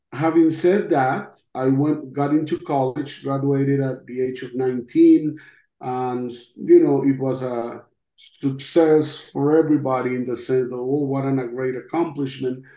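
An echoing room surrounds a middle-aged man with a Costa Rican Spanish accent as he recounts his personal testimony, in the roles of interview guest and podcast host. His voice sits in the mid range, mellow in tone, and he halts often, pausing at length to reflect.

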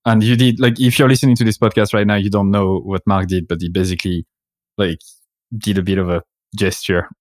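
A man with a very low voice hosts a podcast interview. He asks casual, probing questions, and his voice sounds dry and close to the mic. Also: little pitch movement, brisk, darkish tone, no echo. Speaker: podcast host.

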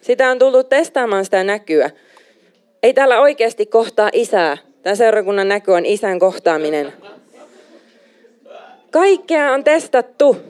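A young adult woman preaching a sermon, emphatic and animated, slipping in English phrases now and then. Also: mid-range voice, pauses often, clean tone.

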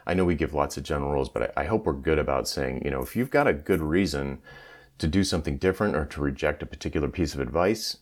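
A man's voice: rumbling low, quick pace. A man hosting a podcast in casual, informal talk, often acting out quotes, sounding like he is talking through a tin can on the wrong microphone. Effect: tinny tin-can sound from wrong microphone. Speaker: podcast host.

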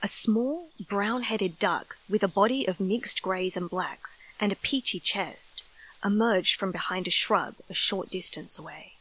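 A woman's voice: medium pitch, measured pace, a bit bright, rough recording. A woman narrating a scripted horror story in a dramatic storytelling style.

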